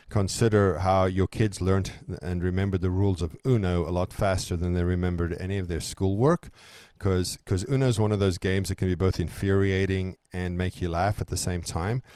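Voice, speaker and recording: A man from South Africa co-hosts a relaxed discussion in a very low, warm voice. He talks things through thoughtfully, often restarting phrases. The sound is dry and close. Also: no echo. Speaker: podcast co-host. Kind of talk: conversational discussion.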